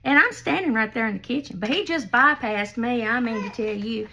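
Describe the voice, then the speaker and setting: A woman's voice: a little high, a little fast, vocal fry, sharp tone, slight background noise. An older woman, chatting folksily as she tells family stories and shows a craft project at home. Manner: folksy, chatty, laughs at her own stories. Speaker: craft vlogger. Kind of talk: casual storytelling and craft demo.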